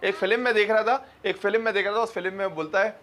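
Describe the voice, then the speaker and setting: A man with a high voice teaching grammar in a classroom full of students. He quizzes the class and repeats his examples. He teases the students in a joking way. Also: steady tone, quick pace, a bit bright. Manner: joking, teasing. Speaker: English teacher.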